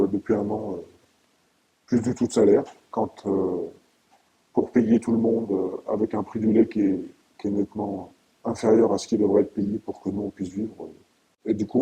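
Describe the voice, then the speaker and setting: A middle-aged dairy farmer giving an anonymous interview, his voice disguised by being pitched down deep, speaking haltingly and emotionally with many restarts. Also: creaky, warm tone, rough recording.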